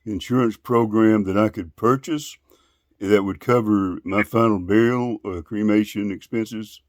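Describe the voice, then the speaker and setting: A man in casual phone conversation, asking questions in a polite, deliberate, long-winded way. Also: lowish voice, steady tone, no echo. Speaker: call recipient.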